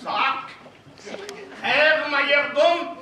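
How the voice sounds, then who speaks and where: A man's voice: very high voice, very slow, crowd noise, exaggerated voice. A man on an amateur stage playing a flustered character who struggles to speak German and keeps apologizing. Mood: halting. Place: theatre stage. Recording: echoey hall recorded from far, some noise.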